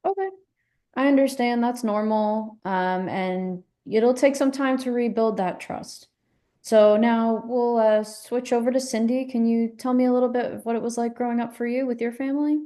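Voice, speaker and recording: A woman playing a calm, validating couples therapist in a counselling role-play, asking gently probing questions in a measured way. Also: fairly high pitch, lightly acted. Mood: calm, reassuring.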